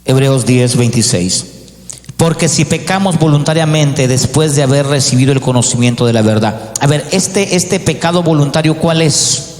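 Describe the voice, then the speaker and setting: Man preaching in a church, kinda high voice, big echoey hall sound. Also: normal speed. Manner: preaching with rising emphasis, acting out doubters. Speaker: pastor. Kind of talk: sermon.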